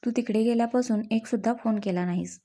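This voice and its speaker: A woman's voice: a little high, fairly even intonation, quick pace, mellow, lightly acted. Woman reading a grumpy older brother. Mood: grumbling. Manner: gruff, scolding.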